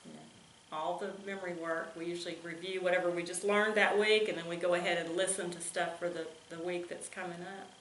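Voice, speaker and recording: A woman's voice: lowish voice, steady tone, brisk, slight background noise. A woman, a homeschooling mother, patiently asking her son grammar questions. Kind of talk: teaching her child grammar. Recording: echoey room.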